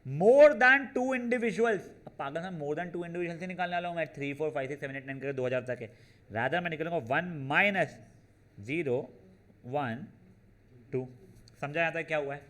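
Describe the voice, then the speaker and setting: A man's voice: a little high, fairly bright tone. A man teaching probability to a class, working through formulas step by step and often checking in with his students. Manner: calls students "beta", checks in with "theek hai na"; works through formulas step by step, slowing on them. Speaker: math teacher. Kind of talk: classroom lecture.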